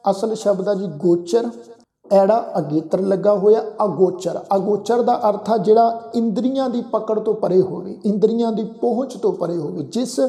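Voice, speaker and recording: A man teaching how to pronounce scripture, explaining words and then reciting verses in a slow chant. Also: high voice, vocal fry, warm tone. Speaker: Gurbani teacher. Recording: echoey room with long reverb.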